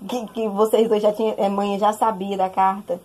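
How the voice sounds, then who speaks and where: A young woman sharing a personal testimony in a casual, animated way, often turning to speak straight to her listeners. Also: medium pitch, normal speed, soft background music. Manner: animated, addresses listeners directly.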